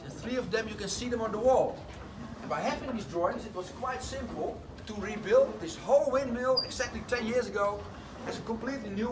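A man guiding a tour at a windmill tells a lively story in a high voice, his English a little broken. He's speaking to the group inside a large wooden sawmill. The recording catches him from a distance amid plenty of background noise.

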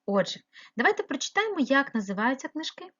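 A woman's voice: high-pitched, big pitch swings, fast, fairly bright tone, lo-fi sound. A woman teaching a primary school class remotely, explaining step by step and asking patient questions. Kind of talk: remote lesson narration.

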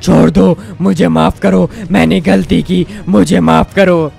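A man voicing a gravelly, frightened Hulk. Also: sits high, little pitch movement, unhurried, a little mellow, soft background music, full character voice. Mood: pleading. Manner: pleading, panicky. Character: Hulk, weakened green giant, frightened and pleading. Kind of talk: game story voice acting.

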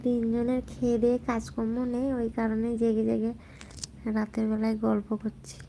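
A woman hosting a casual late-night live chat, talking softly and answering viewer comments as they come in. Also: fairly high pitch, flat delivery, moderate pace, gravelly, slight background noise. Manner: speaks softly so as not to wake sleeping family. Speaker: live stream host chatting with viewers.

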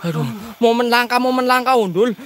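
A man's voice: very high-pitched, normal speed, a bit bright, a little hiss or hum. A man with a Banyumas Javanese accent giving comic ghost-hunting vlog commentary outdoors, full of groans and repeated pleading exclamations. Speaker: mystery vlogger. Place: haunted garden outdoors.

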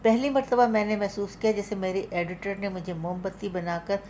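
A woman's voice: mid-range voice, fairly even intonation, moderate pace, dark tone, a little hiss or hum. A woman with a Pakistani Urdu accent, narrating a literary story as an audiobook reader, dramatic and lifting her voice for the characters' cries.

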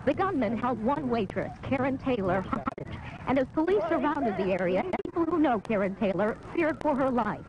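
A woman's voice: on the high side, lively intonation, moderate pace. A woman narrating a scripted TV news report, heard on warbly old tape. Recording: warbly warped 1980s tape, clear noise.

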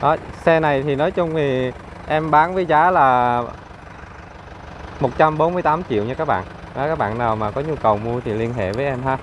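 A man's voice: mid-range voice, moderate pace. A man with a Southern Vietnamese accent, a used car dealer giving a casual walkaround of a vehicle in a chatty, upbeat sales patter. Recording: engine noise and ambient clatter. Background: idling car engine.

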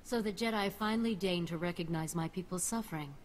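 A woman's voice: on the low side, fairly quick, close to an everyday voice. A woman voicing a bitter, sickly matriarch. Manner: haughty and reproachful. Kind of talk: game voice acting.

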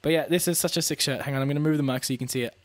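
A man's voice: a little high, fairly even intonation, very fast, dry recording. Chatty man hosting a podcast. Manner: chatty, laughs often, trails off with fillers. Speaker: podcast co-host. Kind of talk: casual chat.

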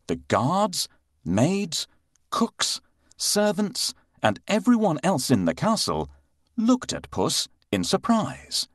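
A man narrating a bedtime story for children, slow and expressive, with playful sound effects. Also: a little high, no room sound, studio quality.

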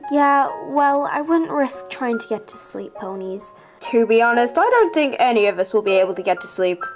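A woman's voice: a little high, lively intonation, moderate pace, faint music behind. A woman voice performer delivering amateur character dialogue for a toy animation.

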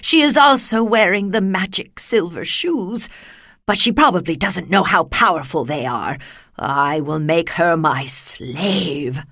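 Woman playing a loud, commanding Wicked Witch of the West. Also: on the low side, lively intonation, measured pace, vocal fry, no echo, clean studio sound, exaggerated voice. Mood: scheming. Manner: commanding, menacing. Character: wicked witch, cruel, domineering, shrieking when beaten.

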